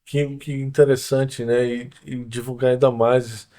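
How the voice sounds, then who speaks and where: A man with a mellow, dark-toned voice hosts a relaxed podcast chat. He encourages his guests and affirms what they say. His pitch sits in the middle range. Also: measured pace. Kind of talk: casual podcast conversation.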